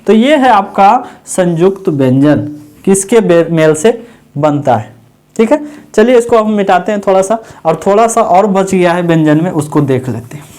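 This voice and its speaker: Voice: medium pitch, animated, normal speed, a little mellow. A grammar teacher at a board, asking the class questions and answering them, repeating each term several times. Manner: repeats key sounds and terms several times. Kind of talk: exam-prep grammar lesson at a board. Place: teaching room with a writing board.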